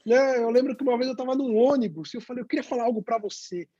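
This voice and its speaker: Pastor contando testemunhos, voz aguda. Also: male voice, very high voice, dark tone, husky, no echo, lo-fi sound. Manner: storytelling, acts out dialogue, pauses with "né?". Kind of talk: testimony in a youth talk.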